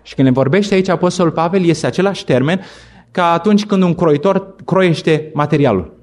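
Middle-aged male preacher, earnest sermon delivery, emphatic, slightly higher voice. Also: darkish tone. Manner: earnest, emphatic preaching that rises and falls in pitch.

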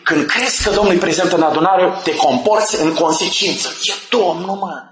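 A man preaching a sermon in an emphatic, jokey way, often rising to a shout. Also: fairly high pitch, roomy sound, over music. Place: church hall.

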